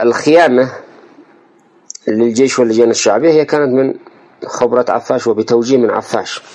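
A man's voice: medium pitch, mellow. A man with a Yemeni accent reading an interview aloud and commenting on it as a political commentator, in an insistent, emphatic manner and speaking straight to his listeners. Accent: Yemeni Arabic.

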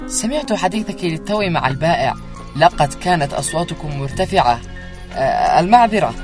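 An actor as a caring young king in a radio play. He speaks briskly in a slightly high voice, with formal, declamatory dignity over faint music. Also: animated, lightly acted. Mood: kindly, assured. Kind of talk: formal radio drama acting.

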